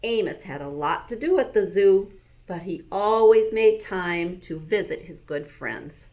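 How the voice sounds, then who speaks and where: A woman, a school librarian, reading a bedtime story aloud to young children in an expressive, animated manner. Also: mid-range voice, measured pace.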